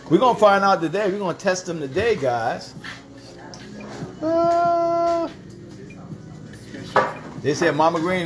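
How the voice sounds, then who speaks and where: Brief: man, lively home cooking vlog host, phone mic, kitchen with music behind. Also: on the high side. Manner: chatty, talks to viewers while filming. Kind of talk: casual live-stream chat. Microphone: handheld phone camera.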